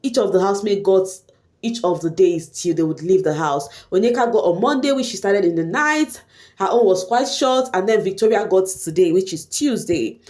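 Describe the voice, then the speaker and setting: A reality show commentator online, she speaks in a mid-range voice at a moderate pace with a Nigerian accent, Igbo being her first language. Her casual gossip is animated, aimed straight at viewers, and sprinkled with Pidgin slang.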